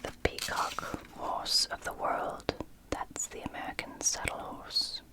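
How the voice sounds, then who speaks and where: Slow, hushed library whisper, ASMR host. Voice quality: soft unvoiced whisper. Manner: library whisper, slow and gentle, pausing between short phrases. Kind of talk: whispered ASMR, reading and commenting on a picture book.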